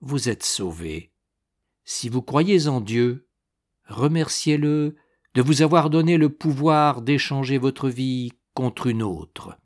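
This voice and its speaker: A man reading an audiobook and voicing a mysterious old woman seer who speaks slowly, gravely and insistently. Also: mid-range voice, lively intonation, pitched above the performer's own voice. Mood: solemn.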